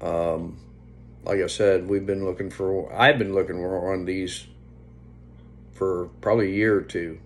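A vlogger in his fifties chats casually and ramblingly to a phone held at arm's length in a small room at home. His voice is low with fairly even intonation, and he's unhurried, meandering, and often trails off. The phone recording carries a faint background hum.

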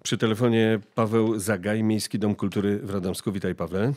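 A man's voice: lowish voice, level tone, a little fast, darkish tone. A male host interviewing a guest by phone, speaking hesitantly with frequent filler sounds. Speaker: radio-style program host.

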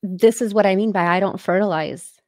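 A woman's voice: medium pitch, normal speed. A woman hosting a casual podcast chat on a video call from home, rambling along with lots of fillers. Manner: chatty and rambling, many fillers. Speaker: podcast host.

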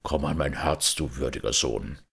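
A worn old knight speaking quietly and with feeling, his voice deep, gravelly and husky. A man puts him on while reading an audiobook. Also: normal speed, full character voice. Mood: tender. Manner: low, soft-spoken, moved. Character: aged grieving knight, tender and weary.

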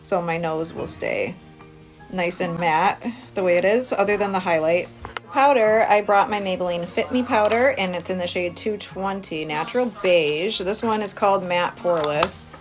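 A beauty vlogger in her thirties films a casual, chatty makeup tutorial on a phone held at arm's length, explaining informally as she works. She's in a small cabin room by a window with music in the background. Her voice is on the low side, at normal speed.

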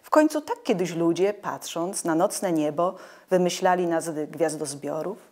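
A woman voicing a gentle, patient mother in a storybook reading, explaining calmly and softly. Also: fairly low pitch, normal speed. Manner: soft, calm, explaining.

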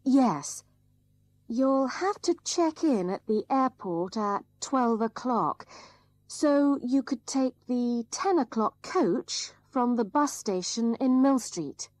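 A woman's voice: on the high side, animated, a little mellow, no room sound. A woman as a polite exam-recording travel agent. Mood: helpful. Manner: measured, careful delivery. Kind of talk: scripted exam listening recording.

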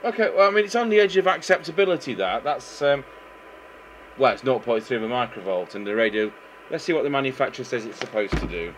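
A British man with a mid-range voice talks fast, giving an informal, matter-of-fact hands-on technical demonstration at an indoor repair bench while thinking aloud. The workshop camera recording is clearly noisy, with steady background noise.

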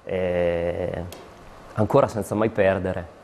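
A man in his thirties from Fano, a futsal player guest answering in a halting way with many fillers, recorded in a TV studio. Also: deep voice, fairly even intonation, a little mellow. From Fano, Italy. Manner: halting, lots of fillers and repeated yeses. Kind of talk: studio interview. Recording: studio with long reverb, faint noise.

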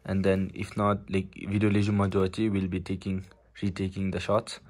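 A man's voice: sits low, monotone, a little fast, darkish tone. A young man with a Bhutanese accent chats casually and playfully to a vlog camera, slipping between languages and slang. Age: young adult. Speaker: vlogger. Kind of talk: casual vlog chat mixing two languages.

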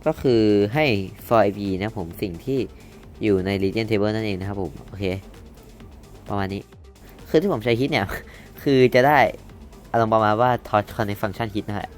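A young man with a lowish, steady voice takes his time through a casual coding lesson, with soft music playing underneath. He thinks aloud while typing, reads code out word by word, and corrects himself along the way.

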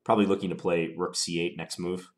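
Playing chess online, a commentator with a deep voice and a slight cold reasons aloud about his moves. His analysis is calm, measured, and methodical.

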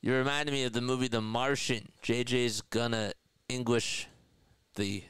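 Unhurried and fairly even in intonation, a man in his thirties with a Philadelphia accent hosts live baseball play-by-play, chatting, laughing a lot, and reading comments from his viewers. His mid-range voice is a bit bright and clean. He sits at a desk in a small indoor room using a headset boom mic, and the recording is dry.

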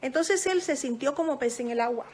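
A woman who is a parent calmly giving advice to other parents in a casual talk, speaking gently with many pauses and restarts. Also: high voice. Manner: teacherly, checks in with "¿ok?".

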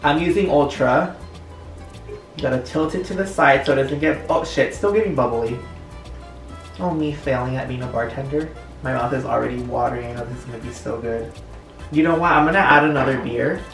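A man's voice: mid-range voice, fairly quick, vocal fry, fairly bright tone. A young man chatting casually and joking through a home cooking vlog in his kitchen. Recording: echoey kitchen, distant mic, faint music.

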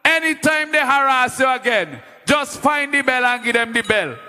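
High, bright-voiced Vincentian hype man. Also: lively intonation, normal speed, big-room sound, a little hiss or hum. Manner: loud, playful, chanting call-outs to the audience. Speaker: livestream host and DJ. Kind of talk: hype live-stream hosting.

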